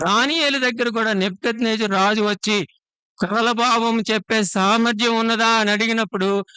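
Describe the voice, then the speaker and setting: A man's voice: sits high, pushed and bright, clean tone, no echo. A male preacher, giving a sermon to his church and firing rhetorical questions at the congregation. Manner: switches between slow drawn-out phrases and quick runs.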